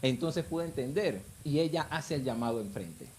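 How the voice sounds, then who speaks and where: A man's voice: mid-range voice, animated, moderate pace, darkish tone, a little hiss or hum. A married man, telling his personal faith testimony in a fervent, emotional way. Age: adult, married with children. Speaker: guest giving testimony.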